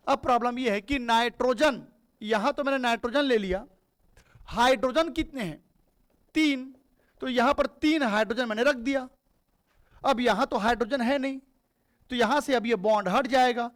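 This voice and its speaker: Man, chemistry teacher, very high voice, asks and answers his own questions. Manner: asks questions and answers them himself, calls students "beta". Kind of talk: classroom lecture.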